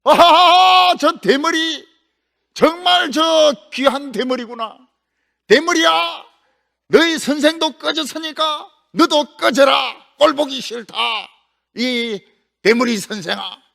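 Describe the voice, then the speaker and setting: A man's voice: very high voice, takes it slowly, gravelly, bright, forceful tone, long reverb tail, voice pushed up, full character voice. A man voicing a gang of young male thugs who taunt and jeer with a sneering laugh.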